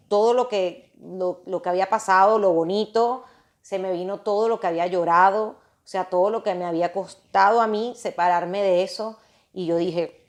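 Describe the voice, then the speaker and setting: A woman casually telling a personal story to her listeners, animated and often restarting and repeating her phrases. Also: on the low side.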